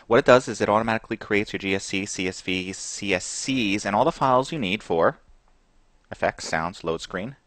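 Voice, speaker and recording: Deep-voiced casual podcast host man. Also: a little fast, a bit bright, no echo. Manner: rambling, many fillers and restarts. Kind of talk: casual chat.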